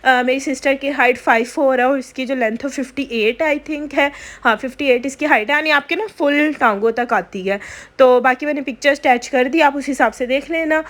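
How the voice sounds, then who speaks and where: A woman's voice: high voice, fairly bright tone. A young woman chatting casually in a home vlog while recovering from a sore throat after a flu. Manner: chatty, confiding, drawn-out complaints. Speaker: vlogger.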